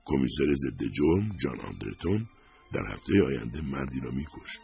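A man narrating an audiobook in a steady, expressive storytelling manner. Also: rumbling low, gravelly, slightly rough, soft background music.

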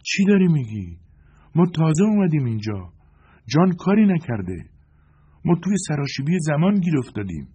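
A man voicing an angry young woman who speaks in a sharp, indignant way. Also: on the high side, very animated, husky, lo-fi sound, voice pushed up.

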